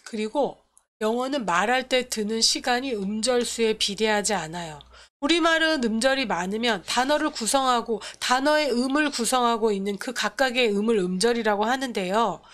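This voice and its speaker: A woman's voice: fairly high pitch, normal speed, fairly bright tone. A woman teaching English pronunciation and grammar in an explanatory lecture, restating each point and opening sentences with "so". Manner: explanatory, repeats points, starts lines with "so".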